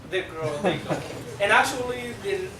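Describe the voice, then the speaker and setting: A middle-aged man from South Sudan with a South Sudanese accent and Dinka as his first language, giving a halting, explanatory classroom presentation full of fillers. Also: high voice, lively intonation, a crowd in the background. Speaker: guest speaker. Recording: echoey room from far off, noisy.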